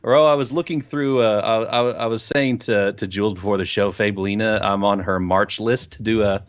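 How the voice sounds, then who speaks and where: Talking at normal speed in a lowish, fairly even voice, a man co-hosts a gaming podcast from a home setup on camera. He rambles and jokes casually into a pop-filtered desk mic.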